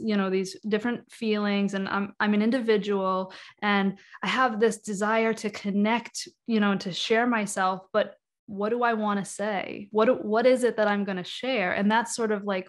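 The speaker is a guest author on energy healing, a woman in her thirties interviewed by video call over a webcam from a room at home. In a medium-pitched voice she explains ideas carefully and at length, her sentences full of "like" and "um."

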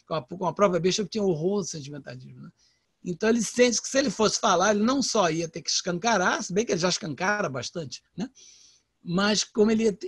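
An older man with a Brazilian Portuguese accent giving a relaxed online poetry lecture, talking conversationally with many "né?" tags and restarts. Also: high-pitched, husky, dry recording, clean studio sound. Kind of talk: informal literary lecture.

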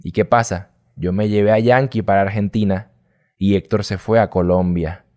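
A man's voice: fairly low pitch, normal speed. A young adult man from Venezuela with a light Venezuelan accent, chatting casually and rambling as an interview guest. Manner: relaxed, rambling, drops slang. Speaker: guest youtuber.

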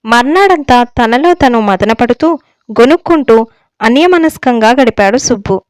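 A woman telling a comic short story aloud with a lively, playful delivery. Her voice sits a little high and sounds smooth and clear. The recording is close and dry. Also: a little slow, no echo. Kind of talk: storybook narration.

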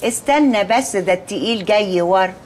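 An actress playing a loud, meddling, middle-aged working-class auntie who speaks Egyptian Arabic and trades folksy rhyming quips, in a TV comedy. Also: female voice, mid-range voice, fairly quick, close to an everyday voice. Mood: brash. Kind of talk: TV comedy acting. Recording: TV soundtrack with music underneath.

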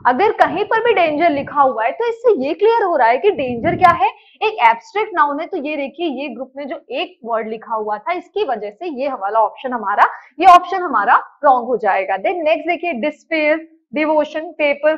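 A woman teaches grammar for exam preparation in a high, expressive voice, moving at a moderate pace with hardly any pauses; the recording's highs are cut off. She questions the class, answers her own questions, and checks understanding with a repeated "ठीक है," meaning "okay."

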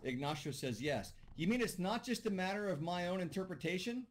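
A man's voice: high-pitched, expressive, fairly quick, slight background noise. A man teaching a class over a video call, talking casually and joking with students as he thinks aloud. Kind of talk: online class discussion. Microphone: computer mic on a video call.

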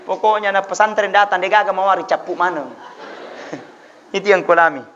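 A male preacher, his voice very high and bright. He tells stories in a chatty way, then lifts into loud exhortation. The audio is dull and lo-fi. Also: moderate pace, a little hiss or hum. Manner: storytelling, shifts between chatty asides and loud exhortation. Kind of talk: humorous sermon.

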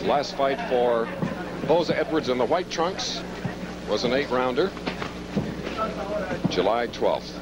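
Guy doing live boxing play-by-play, normal pitch, really noisy broadcast sound. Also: expressive, slow pace, pauses often. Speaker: boxing commentator. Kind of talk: live sports commentary. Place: ringside at a boxing event. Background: loud background noise.

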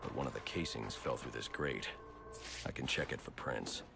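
An actor voicing a grim, brooding masked vigilante detective in a video game, speaking in a gravelly, clipped way. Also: male voice, a bass voice, moderate pace, full character voice. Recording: game audio under music.

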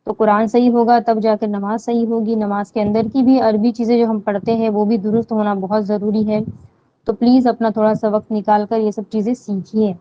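A woman teaching Quran recitation rules, explaining slowly and answering her own questions, with drawn-out chanted recitation of verses. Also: mid-range voice, level tone, dark tone, highs cut off. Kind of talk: slow step-by-step tajweed lesson.

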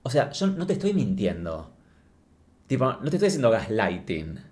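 A man's voice: on the low side, wildly swooping pitch, normal speed, a little mellow. A man with an Argentine accent telling a comic story as a streamer, ranting in a crude, sarcastic way. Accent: Argentine Spanish.

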